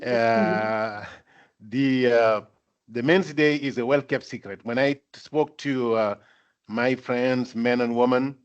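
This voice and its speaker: An older man from Senegal giving a speech at a corporate event, talking in a measured way, with many fillers and repeated phrases for emphasis. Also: mid-range voice, fairly even intonation, smooth. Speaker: guest speaker. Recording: dull lo-fi sound.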